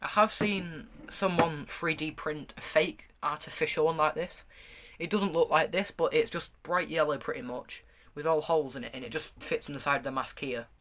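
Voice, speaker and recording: A man's voice: on the high side, moderate pace, hardly any pauses, a bit bright, a little hiss or hum. A man giving a casual, hands-on product review, speaking in a stop-start, hesitant way with repeated words. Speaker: gas mask reviewer. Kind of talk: casual product review, showing items to camera.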